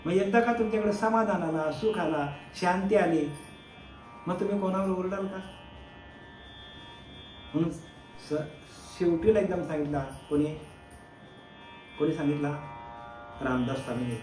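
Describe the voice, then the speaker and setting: High-voiced man giving a devotional discourse. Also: darkish tone, roomy sound, faint music behind. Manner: rhetorical questions, then answers them; chants verses slowly. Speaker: spiritual teacher.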